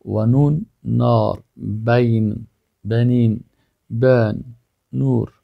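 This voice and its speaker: A man teaching Arabic vocabulary, saying each word slowly and then giving its meaning. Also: mid-range voice, fairly even intonation, gravelly, muffled recording. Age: older.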